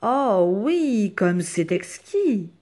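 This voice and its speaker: Woman doing a cheeky little boy rabbit, high and haughty. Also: big pitch swings, drawn-out words, a little mellow, exaggerated voice. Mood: delighted. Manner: high, indignant, theatrical.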